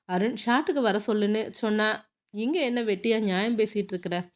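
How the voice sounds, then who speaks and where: A woman's voice: mid-range voice, normal speed, lightly acted. A woman reading the lines of a stern, impatient male film director in a Tamil audiobook. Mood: scolding. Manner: brusque, scolding.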